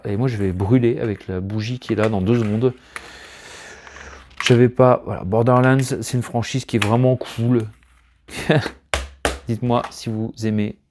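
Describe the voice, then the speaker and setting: A man's voice: lowish voice, a little mellow, slight background noise. Man, casual collector chat, rambling, hesitant, chuckles, indoors at home. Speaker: collector showing his finds. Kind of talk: casual unboxing chat to camera.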